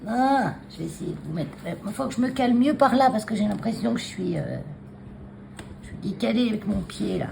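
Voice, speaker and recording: Gravelly yet mellow, her medium-pitched voice moves a little fast with lively intonation, and a faint hiss or hum sits under it. The craft vlogger is at her desk showing handmade cards to a phone camera on a taped stand, chatting hesitantly with many fillers and restarts as she clears a frog in her throat.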